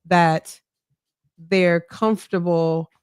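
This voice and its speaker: Fairly low and level, her smooth, darkish voice carries no echo as this middle-aged mayoral hopeful speaks in a candid interview. She has a strong voice and sounds measured, earnest, and reflective, often asking "right?".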